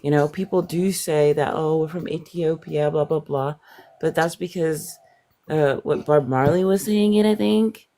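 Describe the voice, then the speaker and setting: A woman from the Dutch Caribbean who calls in and talks hesitantly, with many pauses and fillers. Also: deep voice, mellow, poor audio. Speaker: caller in a debate. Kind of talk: casual call-in chat.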